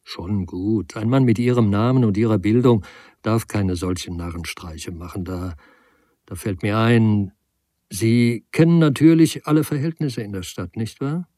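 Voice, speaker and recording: A man's voice: on the low side, dark tone, dry recording. A man reading a restless, generous stranger who talks insistently and cuts others off. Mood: probing. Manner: insistent, quick to interrupt. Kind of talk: audiobook character reading.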